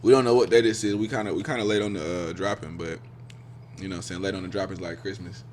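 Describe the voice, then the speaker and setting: A man co-hosting a casual podcast chat, talking fast with lots of fillers and repeats. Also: low voice, steady tone, darkish tone, a little hiss or hum. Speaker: podcast co-host.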